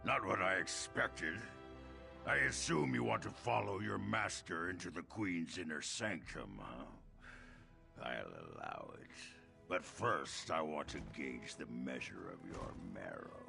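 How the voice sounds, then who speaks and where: An actor playing a smug, menacing necromancer in a video game, with a gravelly, theatrical, drawn-out delivery. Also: male voice, rumbling low, sing-song, pushed and bright, faint music behind, full character voice. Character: sinister, smug necromancer, servant of a queen. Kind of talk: video game character acting.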